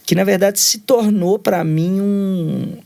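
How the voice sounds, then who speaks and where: A man's voice: high voice, slow pace, creaky, a little mellow. A Brazilian man in his thirties, a musician being interviewed, chatting casually and rambling through stories with constant little fillers. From Brazil, raised in Minas Gerais. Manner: rambling storyteller, fills every phrase with "né" and "assim". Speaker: musician guest.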